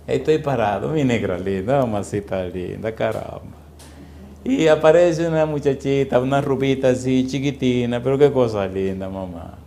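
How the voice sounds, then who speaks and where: A male pastor delivers a storytelling sermon at a mid pitch, often turning to his listeners with rhetorical questions. His voice rings through a reverberant church room with faint background noise behind it. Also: dark tone.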